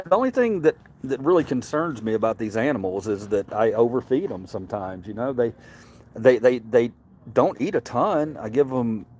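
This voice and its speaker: Speaking in a mid-range, darkish voice over a faint hiss or hum, this middle-aged Mississippi man hosts a livestream. His Southern-accented chat is casual and rambling, with repeated words.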